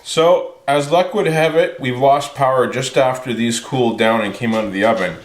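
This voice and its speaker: A man leading a home cooking demonstration, calmly explaining each step to a child in a kitchen. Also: medium pitch, moderate pace. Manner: calm, explaining steps to a child. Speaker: home cook. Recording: roomy kitchen echo.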